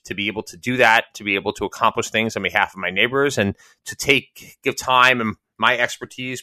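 Bright-voiced American man, reflective talk. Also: medium pitch, no echo, low-quality recording. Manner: discursive, reflective, with emphatic repeated phrasing. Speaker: host. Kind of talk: informal solo political commentary and reminiscence.

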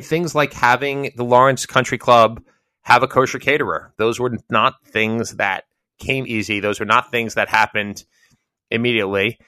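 Bright-voiced American man, reflective talk. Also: mid-range voice, clear, resonant tone, no room sound. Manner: discursive, reflective, with emphatic repeated phrasing. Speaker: host. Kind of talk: informal solo political commentary and reminiscence.

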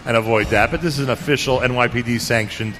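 A man's voice: mid-range voice, fast, fairly bright tone. An older man hosting as a casual live parade commentator, bantering and insistent, often repeating himself. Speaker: parade broadcast host and commentator. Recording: noisy live event ambience.

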